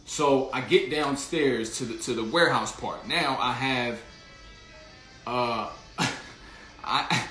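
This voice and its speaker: Bright-voiced man telling a rambling story. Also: mid-range voice, slow, roomy sound, soft background music. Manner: slangy, rambling, with frequent restarts and laughter. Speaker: livestream host. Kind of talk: casual storytelling livestream, greeting chat.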